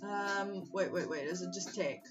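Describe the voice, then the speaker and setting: A woman with a lowish voice speaks unhurriedly, a native Russian speaker from the former USSR who streams chess. She chats casually and thinks aloud while solving puzzles, often interrupting herself and laughing, on a slightly distant, muffled mic with faint music in the background.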